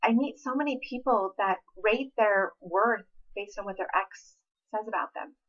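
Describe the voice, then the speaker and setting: A woman's voice: medium pitch, normal speed, highs cut off. A woman in her forties, a relationship coach, talking earnestly and from the heart about love and loss to her viewers. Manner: earnest and heartfelt, with a gentle pleading tone. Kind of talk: personal vlog talk to camera.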